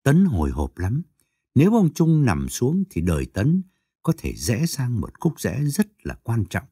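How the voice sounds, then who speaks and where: A man narrating a story aloud in an expressive storytelling manner. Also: unhurried, breathy edge, no room sound, studio quality. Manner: expressive storytelling with swooping pitch.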